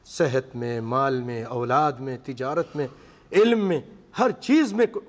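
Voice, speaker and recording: The recording has the long, echoing reverb of a mosque hall, where a man preaches to a seated congregation in a mid-range voice with lively intonation. He recites passages in Arabic and then brings them to life with vivid storytelling.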